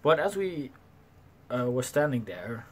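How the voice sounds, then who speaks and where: A young man in his twenties casually telling a story to his camera, animated and swearing freely, acting out the people in it, recorded in a small bedroom on a desk webcam. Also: medium pitch, a little slow. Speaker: vlogger. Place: small bedroom with slanted ceiling, indoors.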